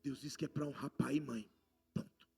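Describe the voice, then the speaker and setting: A man with a Brazilian Portuguese accent preaching a sermon, passionate and swinging between loud outbursts and hushed lines. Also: mid-range voice, fairly even intonation, normal speed, creaky, husky. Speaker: apostle preaching.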